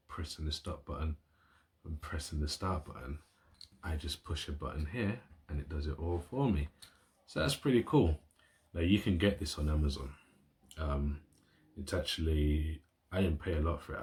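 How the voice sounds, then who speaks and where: This YouTuber has a very deep, slightly mellow voice. He's indoors at a table at home, chatting casually into his phone camera's built-in mic and rambling with enthusiasm as he shows off his gear for a vlog.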